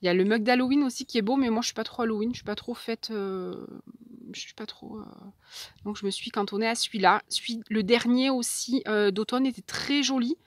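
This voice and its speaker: Soft-spoken woman with a higher voice. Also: a little fast, dry recording, studio quality. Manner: soft, hesitant, many fillers. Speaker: unboxing vlogger. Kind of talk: casual unboxing chat.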